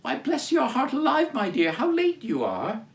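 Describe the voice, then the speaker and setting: A man's voice: extremely high pitch, huge pitch swings, moderate pace, gravelly, voice pushed up, heavily acted. A man voicing a bustling, affectionate working-class mother in a storybook reading, full of fussing exclamations. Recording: roomy echo, distant microphone.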